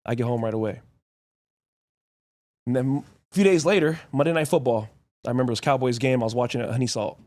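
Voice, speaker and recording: With a mid-range, darkish voice, a young man hosting a podcast spins a casual story. It comes in short, profane, blunt bursts, rapid anecdotes strung together in brief clauses.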